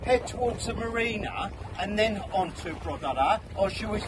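A middle-aged man with a fairly high voice hosts a casual vlog from a small dinghy, chatty and quick to make fun of himself. He films on a phone held at arm's length, out on the open sea. Loud wind and lapping water run under every line. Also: lively intonation. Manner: chatty, jokey, self-mocking. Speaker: vlog host. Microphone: phone camera at arm's length.

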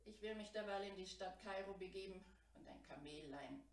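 Woman putting on a poor old fisherman, deeper and louder than her own voice, lamenting, roomy sound, distant mic. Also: a little fast, close to an everyday voice. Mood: urgent. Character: poor old Egyptian fisherman, desperate and quick to anger.

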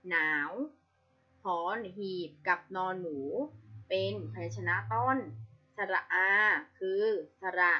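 Slow, patient woman teacher. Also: fairly low pitch. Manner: patient, spells out each sound carefully. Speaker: primary school teacher. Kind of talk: slow, clear classroom reading lesson. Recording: slightly dull lo-fi audio.

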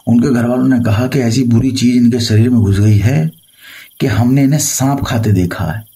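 Speaking as a tantric guru during a phone consultation, an Indian man tells boastful stories and reassures his caller authoritatively. He has a lowish, dark-toned voice that is slightly rough.

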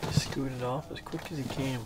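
A young man in a small ice fishing shelter, giving excited running commentary on each bite as he fishes. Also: medium pitch, normal speed, very noisy.

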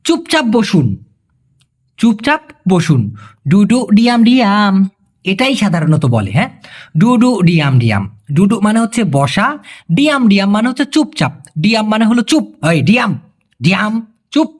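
A man giving a casual spoken language lesson, explaining words one by one and slowly repeating phrases, with chatty asides. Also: high voice, very animated. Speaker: language teacher.

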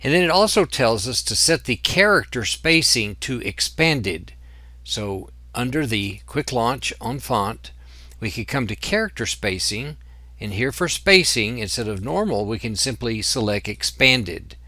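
Patient man with a bright voice. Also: mid-range voice, lively intonation, a little slow, no echo. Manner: patient, step-by-step explaining. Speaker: software instructor. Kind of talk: screen-recorded tutorial walkthrough.

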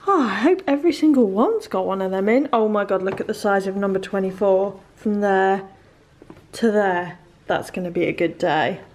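A woman's voice: medium pitch, normal speed, darkish tone, a little hiss or hum. A young woman chatting casually in her vlog, bubbly and full of exclamations. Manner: bubbly and exclamatory, gushes at dogs. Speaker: vlogger.

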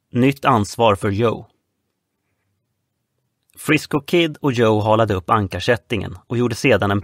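A male audiobook narrator reads an adventure story aloud at a steady, measured pace. His voice is mid-range, and the clean studio recording has no room sound.

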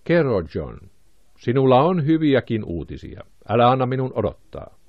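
A man's voice: medium pitch, very animated, dry recording, muffled recording, voice pushed up. A man voicing an anxious, emotional mother in an audiobook, his voice raised.

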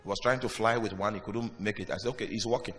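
A man preaching a sermon with dramatic pauses and sudden loud bursts. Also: lowish voice, steady tone. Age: young adult or older. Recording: reverberant hall with music behind.

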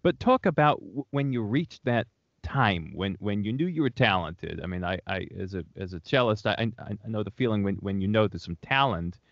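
A man hosting an interview, talking in a halting way with many repeated words and restarts. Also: on the low side, lively intonation, vocal fry, no room sound, lo-fi sound. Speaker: podcast host. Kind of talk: interview conversation. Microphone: remote video call.

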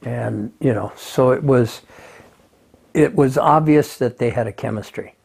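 A man, a record producer, telling studio anecdotes in a relaxed storytelling way. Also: medium pitch, measured pace, gravelly, slightly rough. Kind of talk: interview anecdotes.

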